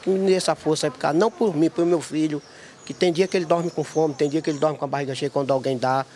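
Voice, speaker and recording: A man's voice: fairly high pitch, fairly even intonation, fast talker, darkish tone. A middle-aged man from Bahia with a Bahian accent, pleading earnestly for help into a reporter's handheld mic outdoors. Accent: Bahian Portuguese. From Bahia, Brazil. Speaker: interviewee asking for help. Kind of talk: street interview plea. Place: outdoors, by a wall.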